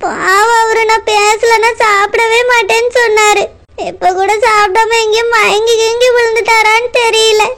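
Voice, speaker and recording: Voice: extremely high pitch, flat delivery, moderate pace, sharp tone, heavily acted. A voice actor playing a tearful, lovesick young woman in a cartoon, pleading and weepy. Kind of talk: cartoon voice acting.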